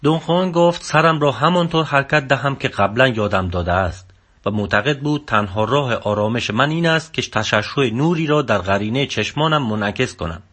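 A man reading a first-person story aloud as an audiobook narrator, in calm, measured scripted narration. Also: medium pitch.

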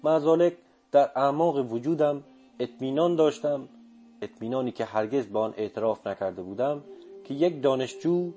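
A male narrator reads a first-person literary story. His reading is measured and even. His voice is mellow and warm, never sharp. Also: mid-range voice, soft background music. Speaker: audiobook narrator.

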